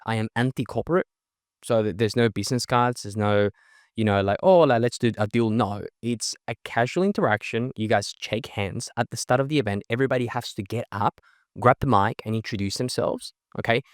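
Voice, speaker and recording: A young man from Chile with a medium-pitched voice guests on a podcast as a networking event organizer. His native language is Spanish and his accent is a Spanish-Australian mix, and he talks energetically, fast and emphatically, leaning on "right?" tags in casual interview talk. The studio-quality sound has no room sound.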